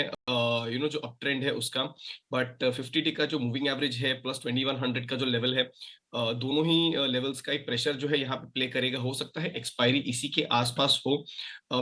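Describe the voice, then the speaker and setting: A man, a market analyst guest, recommending trades with frequent pauses and filler sounds. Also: mid-range voice, bright, forceful tone.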